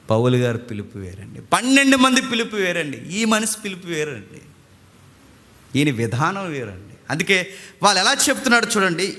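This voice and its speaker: A man preaching a sermon in an animated way, often acting out court scenes in quoted voices. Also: high voice. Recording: long hall reverb.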